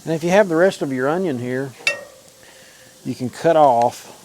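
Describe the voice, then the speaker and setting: A man with a slightly high voice hosts a casual cooking vlog. He talks to the camera in a folksy, informal way while he works. Sizzling and frying food can be heard clearly behind him. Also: moderate pace, darkish tone, a little hiss or hum, poor audio. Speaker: host of a home cooking vlog. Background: food sizzling on a grill.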